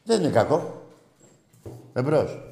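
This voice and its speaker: Male call-in radio host, shrill and shrieky, excitable rants, roomy studio sound. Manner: excitable, ranting, swears freely. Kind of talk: call-in sports radio banter.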